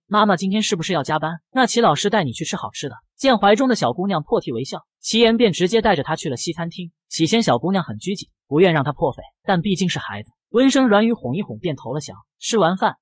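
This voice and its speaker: Male narrator for a comic recap; fast, animated, dry close mic. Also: high voice, husky, dry recording.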